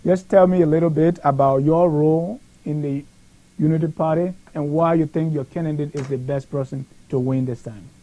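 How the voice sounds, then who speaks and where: A man hosts a panel talk show, posing his questions in a measured, formal manner. His voice sits a touch high but has a dark, mellow tone. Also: fairly even intonation, low-quality recording. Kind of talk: moderating a political panel discussion.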